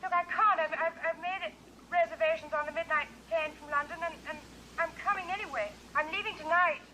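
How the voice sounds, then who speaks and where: A woman's voice: very high voice, fairly even intonation, brisk, sharp tone, slight background noise, rough recording. A woman playing an anxious, determined heroine in a 1950s film, speaking with urgent insistence. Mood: anxious, insistent. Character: anxious, determined young woman phoning an acquaintance.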